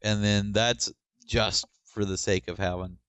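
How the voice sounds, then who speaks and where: A man's voice: lowish voice, steady tone, unhurried, fairly bright tone, smooth, no echo. A man co-hosting a podcast, chatting casually about TV shows and explaining his opinions at length. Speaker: podcast co-host.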